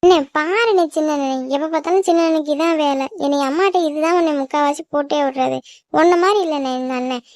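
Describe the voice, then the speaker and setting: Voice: high-pitched, quick pace, no echo, clean studio sound, lightly acted. A performer voicing the youngest child of a cartoon family, pleading and whiny with the older brothers. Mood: tattling. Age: child figure. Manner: pleading, whiny sibling talk. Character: youngest child sibling, clingy and sensitive. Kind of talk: cartoon voice acting.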